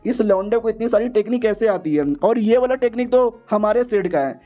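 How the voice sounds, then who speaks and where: A man voicing a hot-headed young swordsman rival who taunts with rough slangy insults. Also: high voice, lively intonation, fairly quick, warm tone, voice pushed up. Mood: taunting shocked. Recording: dull lo-fi sound.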